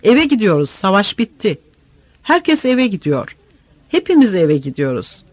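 A man reading an audiobook, voicing rowdy male soldiers who jeer and shout. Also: high voice, very animated, a little slow, no echo, exaggerated voice. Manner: shouting, jeering. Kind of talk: audiobook character voice.

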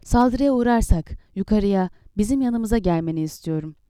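A woman reading the lines of an earnest young male warrior captain, pleading and reasoning calmly. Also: medium pitch, moderate pace, smooth, no room sound, clean studio sound, natural voice.

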